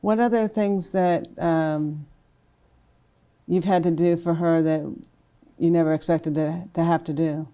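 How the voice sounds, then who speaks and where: A woman hosting a podcast interview, asking sympathetic questions with soft interjections. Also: deep voice, fairly even intonation, measured pace. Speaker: podcast host.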